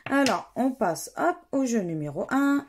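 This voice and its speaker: French lady scratching tickets and reading letters out, slow and mumbly, kinda highish voice. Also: sing-song, a little hiss or hum. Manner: slow, murmured, reads letters aloud one by one. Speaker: scratch-card vlogger. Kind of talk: casual commentary while scratching tickets.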